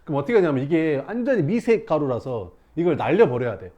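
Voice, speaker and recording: Animated male teacher telling a story. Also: on the high side, fast talker, lo-fi sound. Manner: animated, acts out scenes with shouts and sound effects. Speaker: math teacher. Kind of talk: storytelling to students in class.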